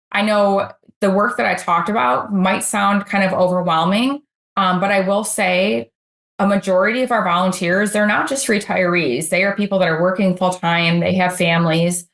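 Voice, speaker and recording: A woman's voice: fairly low pitch, reverberant. A middle-aged woman speaking as a podcast guest, talking earnestly and chattily with frequent fillers. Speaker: podcast guest, advocate supervisor. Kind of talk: podcast interview.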